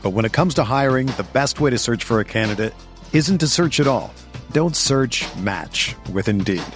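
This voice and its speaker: A man's voice: medium pitch, animated, normal speed. A man reading a scripted podcast advertisement as an announcer. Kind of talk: scripted ad narration. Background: music.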